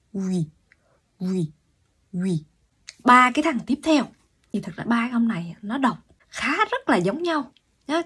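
A woman language teacher giving an online pronunciation lesson, explaining patiently and repeating sounds slowly. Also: fairly high pitch, fairly bright tone, breathy edge.

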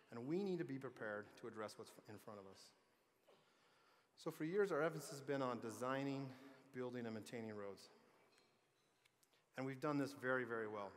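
Man giving a keynote in a reverberant hall. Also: medium pitch. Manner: earnest, plain-spoken, with light joking asides. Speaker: transportation agency leader giving a conference speech. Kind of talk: conference keynote speech. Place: large conference hall. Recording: long reverb of a big hall.

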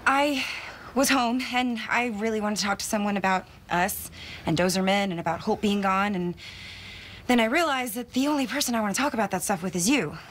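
A woman's voice: medium pitch, a little fast, fairly bright tone, a little hiss or hum, natural voice. An actress in her thirties playing an earnest, eager, competitive police detective in a TV comedy. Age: 30s.

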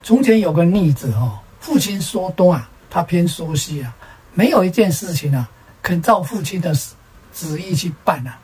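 A woman with a low, husky voice tells jokes one after another, letting her pitch rise and fall in a lively sing-song. She drags out the little particles that end her phrases, giving each punchline a playful lilt. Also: normal speed, poor audio. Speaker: joke teller, show host. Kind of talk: storytelling jokes.

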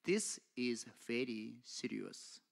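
A middle-aged man preaching at a pulpit in a small church, speaking into a handheld mic, slow and emphatic, calling out "Amen?" to the congregation. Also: medium pitch, expressive, creaky. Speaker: pastor delivering an English translation of a sermon. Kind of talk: sermon. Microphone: handheld microphone at a pulpit.

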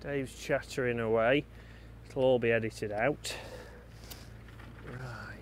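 A man's voice: medium pitch, fairly even intonation, slow pace, a little hiss or hum. A man with a Yorkshire accent hosting a golf video, giving teasing, chatty play-by-play while out on the course. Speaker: golf vlogger and host. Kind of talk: casual on-course commentary.

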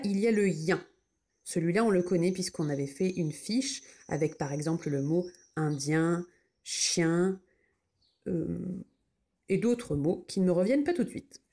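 A woman's voice: lowish voice, mellow. A woman teaching children to spell, patiently sounding out words and naming their letters one by one.

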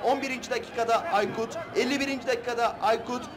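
A man giving excited live football commentary for television, a voice that rises to shouts for goals. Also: extremely high pitch, fast talker. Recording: loud stadium crowd, noisy archive TV broadcast. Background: roaring stadium crowd.

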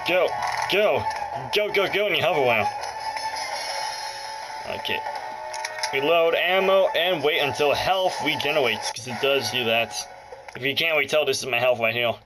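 Commenting off the cuff as a Let's Play host, a man mutters brief reactions at a normal speed, his mid-range voice lively in intonation, with long pauses between them. The low-quality recording has loud game music and audio from a handheld console over his voice.

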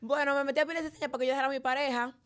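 A woman's voice: sits high, steady tone, rapid-fire, a bit bright. A woman tells a story in casual chat and repeats her phrases for emphasis.

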